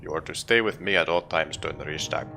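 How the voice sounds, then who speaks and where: A stern barbarian hunt leader gives orders in a low, gravelly voice, read out by a man in his own voice. The delivery is commanding and solemn, as in a fantasy video game, with game music playing clearly underneath. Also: fast talker, bright, forceful tone, heavily acted.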